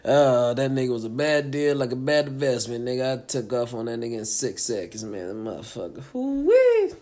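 Very low-voiced woman, profane rambling storyteller. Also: a little fast. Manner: profane, animated, acts out quoted voices.

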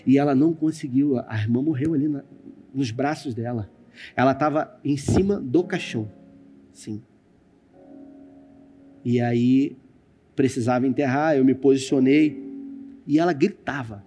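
A man's voice: medium pitch, moderate pace, pauses often, warm tone, soft background music. A man pastor with a Brazilian Portuguese accent, preaching a sermon and telling a personal story, speaking straight to the congregation with dramatic turns. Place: church stage with screen.

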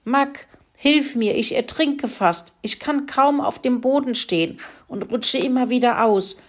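A woman voicing a young male pig stuck in a mud pit, crying out in high squeals for help. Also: measured pace. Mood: panicked.

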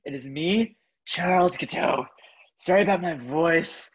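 A man's voice: measured pace, dull audio. A young man voicing a rude male assassin with a strained, damaged-sounding voice. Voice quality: strained, lowered voice.

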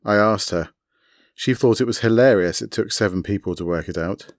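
A man reading a story, voicing a gruff, blunt young man who growls his lines. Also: on the low side, moderate pace, no echo, studio quality, lightly acted.

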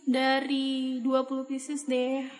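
Young woman, high voice, small bag-shop owner; easygoing, reflective answers with pauses. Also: faint music behind, poor audio. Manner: relaxed, reflective, with frequent thinking pauses. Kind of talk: casual interview answers.

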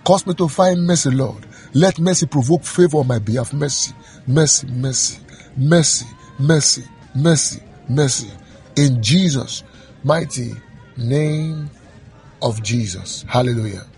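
A man's voice: mid-range voice, measured pace, a little mellow, faint music behind. A man leading fervent prayer, declaring and commanding in rhythmic, repeated phrases. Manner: rhythmic repetition, commanding, emphatic.

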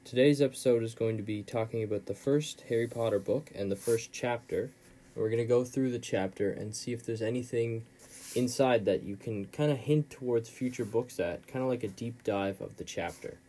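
A man's voice: medium pitch, normal speed, mellow. A male podcast host giving a casual, rambling recap of a chapter in informal, slangy storytelling.

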